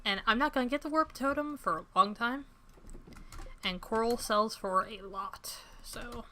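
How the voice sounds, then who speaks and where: A woman's voice: fairly high pitch, a little slow, bright, forceful tone, slight background noise. A young woman streaming a farming game, chatting casually and making self-deprecating asides as she plays. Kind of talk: casual gameplay commentary.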